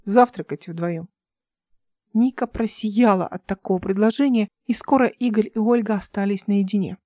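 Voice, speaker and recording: A woman narrating an audiobook in an even, measured way. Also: medium pitch, dry recording, studio quality.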